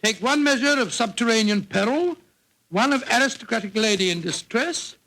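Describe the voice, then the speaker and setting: Elderly English doctor, high-pitched, genial, blustering; vintage radio drama style. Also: male voice, expressive, moderate pace, pushed and bright, exaggerated voice, rough recording. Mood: genial, jovial. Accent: British. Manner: avuncular, blustering, exclaiming. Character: genial elderly English doctor, avuncular detective's companion and storyteller. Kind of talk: 1940s radio acting.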